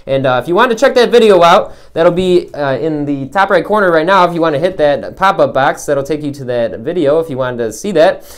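A young man who sells guns at a gun store chats casually with his viewers in a rambling vlog, full of fillers and restarts. His voice sits on the high side with lively intonation, and he talks a little fast with hardly any pauses.

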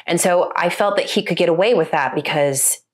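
Low-voiced woman telling her story. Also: fairly quick. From Arizona, US. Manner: earnest, reflective, speaks in long flowing runs. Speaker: matchmaker, podcast guest. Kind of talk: candid conversational storytelling. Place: podcast studio.

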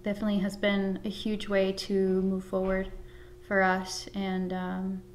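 Woman from guatemala, 30s, kinda flat voice, earnest, faint hum behind. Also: mid-range voice, a little slow. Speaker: supervisor. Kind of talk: interview. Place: office with flag and plant.

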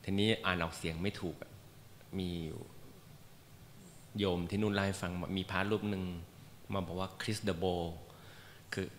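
A man's voice: low-pitched, fairly even intonation, moderate pace, long pauses. A man teaching a class about leading meditation, talking casually and joking, with many fillers. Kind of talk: informal lecture to a class. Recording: roomy hall reverb, faint background noise.

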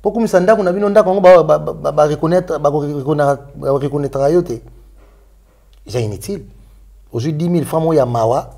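A man in casual, animated chat, mixing French and Lingala. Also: fairly high pitch, normal speed, gravelly.

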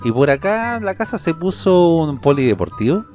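A man's voice: fairly high pitch, big pitch swings, moderate pace, a little mellow, soft background music. A man with a Chilean accent, co-hosting a podcast, reading odd news items and joking about them in casual slang. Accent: Chilean Spanish. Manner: reads news items, then jokes in slang. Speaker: podcast co-host. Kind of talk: casual comedic chat.

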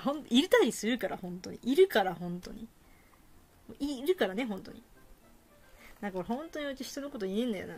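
A woman giving casual, self-mocking commentary while playing a game. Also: medium pitch. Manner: rough, self-mocking, repeats herself. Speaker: game streamer. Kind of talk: casual live-stream commentary.

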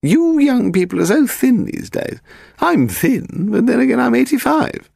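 A man reading an audiobook voicing a frail, sharp-tongued aristocratic woman in her eighties with a high, imperious voice. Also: very animated, measured pace, creaky, slightly rough, no room sound, clean studio sound, full character voice. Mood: grand. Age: 80s.

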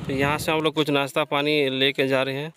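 A man's voice: mid-range voice, little pitch movement, brisk. A young man narrating a motorbike trip along rural roads, chatting casually with his viewers and checking in with them as he rides. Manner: chatty, keeps asking viewers "theek hai" and calling them brother. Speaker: motorbike travel vlogger. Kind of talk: casual on-the-road commentary. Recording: outdoor road and engine noise.

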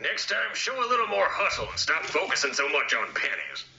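A man's voice: fairly high pitch, wildly swooping pitch, a little fast, gravelly, pushed and bright, a little hiss or hum, exaggerated voice. An actor playing a curt, lecturing adult male police boss in a puppet comedy video. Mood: stern. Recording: dull lo-fi audio.

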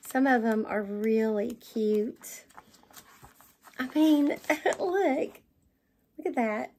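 A middle-aged woman with a Southern US accent, gushing excitedly as she shows off shopping finds to the camera at home. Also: a little high, very slow. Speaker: vlogger. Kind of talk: haul video chat. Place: home dining room, indoors.

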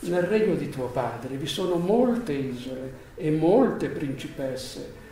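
A man voicing a sly, confident magician in evening dress in a storybook read aloud, in a smooth, assured voice. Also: fairly high pitch, lively intonation, slow pace, dark tone, slight background noise. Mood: knowing. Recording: echoey room, voice far from mic.

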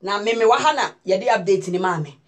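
Animated, husky-voiced woman news vlogger. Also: mid-range voice, a little fast. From Ghana. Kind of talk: casual news commentary to viewers.

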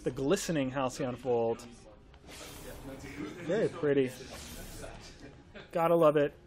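A man's voice: medium pitch, slow. A man hosting a game livestream, enthusiastically presenting new skins and laughing often. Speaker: livestream host. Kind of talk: excited game update showcase.

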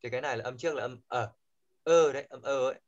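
A man with a Vietnamese accent teaching English pronunciation in a classroom, coaxing the students and modeling words loudly for them to repeat. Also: mid-range voice, fast talker, lo-fi sound.

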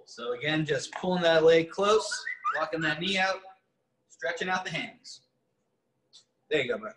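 Recorded on a distant camera in an echoey, large indoor gym full of rigs, a young man runs an online workout class with upbeat, encouraging stretching cues. The fitness coach's voice is fairly high and a bit bright, with lively intonation and a slightly slow pace, and there's a little hiss or hum.

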